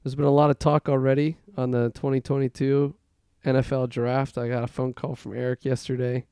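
A man with a relaxed, gravelly voice hosts casual banter, close and dry in sound. He speaks hesitantly, with a wry, teasing edge as he puts questions to his guests. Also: mid-range voice, fairly quick, dry recording. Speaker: host of a fantasy football league podcast.

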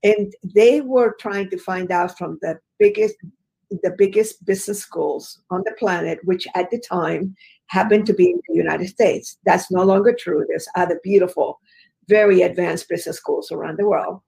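Gravelly-voiced woman telling her story. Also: fairly low pitch, moderate pace, warm tone, low-quality recording. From Chile. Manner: earnest, emphatic storyteller with fillers. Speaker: guest, business educator. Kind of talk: conversational storytelling interview.

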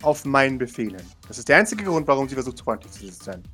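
A man's voice: medium pitch, sing-song, fast talker, bright, forceful tone, faint music behind. A man playing a stern male authority figure in a tabletop role-play, controlling and pressing for agreement. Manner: controlling, repeats the name, demands agreement. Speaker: game master.

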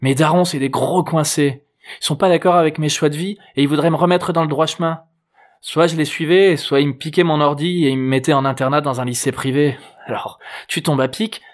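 A man's voice: on the high side, fairly even intonation, pitched above the performer's own voice, close to an everyday voice. A man reading an audiobook voices a foul-mouthed fifteen-year-old girl with cheeky, slangy talk. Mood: excited, defiant. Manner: slangy, cheeky, quick to swear. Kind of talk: audiobook character voice.

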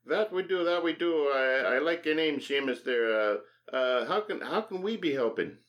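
A high-pitched, lilting leprechaun for a comedy skit. He is chatty and obliging, with a voice that swings up and down. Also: animated, moderate pace, a bit bright. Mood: eager, obliging. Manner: lilting stage-Irish leprechaun voice. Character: chatty old-country Irish leprechaun helper.

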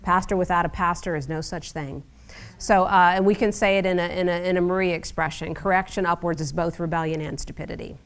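A woman's voice: lowish voice, steady tone, brisk, clear, resonant tone. Woman preaching a wry, chatty sermon. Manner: conversational, wry teaching with asides.

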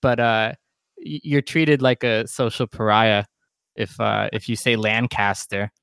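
A man's voice: mid-range voice, unhurried, gravelly, fairly bright tone, clear, resonant tone, no echo. A man on a podcast, casually telling a wry story with dry humor. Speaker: podcast co-host. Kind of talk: casual chat.

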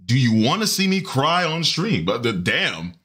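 A man hosting a casual livestream podcast, animated, laughing often and greeting chat by name. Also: mid-range voice, normal speed. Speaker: podcast and stream host.

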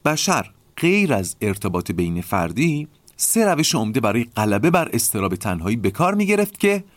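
A man hosting a podcast, calmly explaining ideas in a reflective lecture and often asking rhetorical questions. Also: medium pitch, dry recording. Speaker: podcast host.

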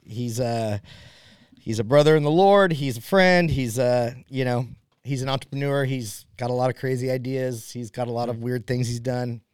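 A man's voice: medium pitch, steady tone, moderate pace, darkish tone, clean tone, dry recording, studio quality. Upbeat, chatty male podcast host. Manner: upbeat, chatty, calls himself an extrovert. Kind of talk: casual interview chat.

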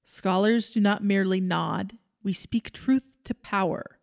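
A man's voice: sits high, measured pace, creaky, pitched above the performer's own voice. A man voicing a stern, sneering young woman who is a school prefect, speaking in a clipped, condescending way. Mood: stern haughty.

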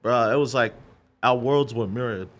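A man's voice: mid-range voice, moderate pace. A man from Australia with an Australian accent, a guest DJ telling stories in a casual podcast interview in a studio. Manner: relaxed storytelling with slangy asides. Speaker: guest DJ and remixer.

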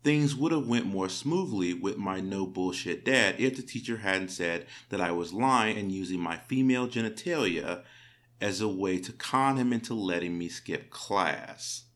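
A man narrating stories read from the internet in a steady, measured way. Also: deep voice. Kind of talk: reading internet stories aloud.

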